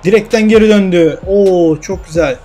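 A young man with a high voice commentates his football video game into a desk mic, swinging from calm narration to excited shouts and frustrated grumbling. Faint game music runs quietly underneath. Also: normal speed. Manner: emotional, swings from calm commentary to yelling at goals and cursing misses. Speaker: gaming YouTuber.

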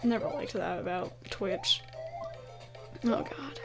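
A woman's voice: on the high side, huge pitch swings, slow pace. A woman giving casual let's-play commentary at home, giggly and self-mocking, with frustrated outbursts at the game. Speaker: gaming YouTuber. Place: home at night, keeping quiet. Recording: game music behind the voice.

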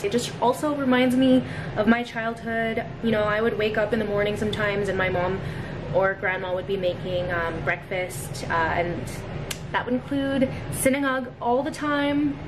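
A woman's voice: mid-range voice, normal speed, noisy background. A young woman chatting upbeat while she cooks in her home kitchen, talking through each step of a family recipe. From Filipino heritage family. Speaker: vlogger. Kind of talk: casual cooking vlog.

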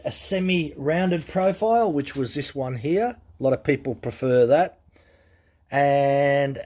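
A man's voice: a little high, a little mellow, breathy edge. A man teaching chainsaw sharpening in his workshop, explaining step by step in a plain-spoken way and repeating the key points. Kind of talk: casual how-to demonstration. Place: workshop with grinders and tool wall.

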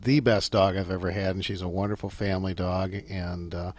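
A radio host man with a lowish voice chats with his guest in an easygoing, conversational way. He talks in a plain, relaxed manner that suits a casual interview. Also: brisk.

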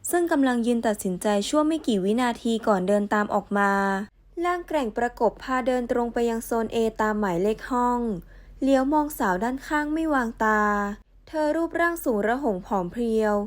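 A woman narrating a romance novel audiobook in smooth, even storytelling. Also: a little high, a little fast.

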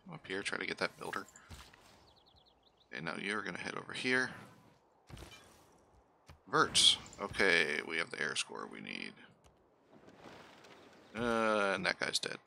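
A man's voice: low voice, big pitch swings, measured pace, creaky, pauses often, bright, forceful tone, slight background noise. A man giving casual let's-play commentary, muttering running asides to himself and his units in a wry, self-deprecating way. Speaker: gaming channel host.

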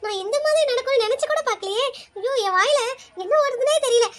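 Someone voicing a squeaky fussing old granny. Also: fast talker, fairly bright tone. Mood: overjoyed. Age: over 60. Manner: scolding, flustered, rambling. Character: fussing old great-grandmother, excitable. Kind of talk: cartoon voice acting.

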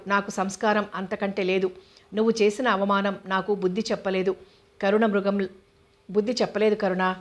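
A woman's voice: mid-range voice, natural voice. A woman voicing a vengeful, scheming young man in a storybook reading, speaking in a taunting, threatening manner.

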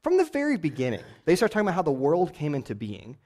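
A man's voice: a little high, fast talker. A man, a pastor preaching a sermon in a casual storytelling way, often acting out his own thoughts. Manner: animated, conversational storytelling with acted-out inner voice.

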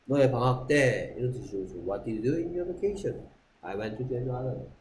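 A male English teacher explaining a textbook dialogue, reading each English sentence slowly and clearly and pausing often to check that the class follows. His pitch sits in an ordinary middle range. A faint hiss runs under the recording. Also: expressive, darkish tone. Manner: reads English lines slowly and deliberately, keeps checking in with "그렇죠?".

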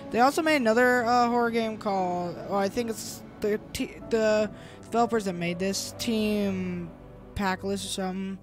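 A woman hosting a gaming video, giving rambling, excitable let's play commentary. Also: mid-range voice, moderate pace, soft background music.

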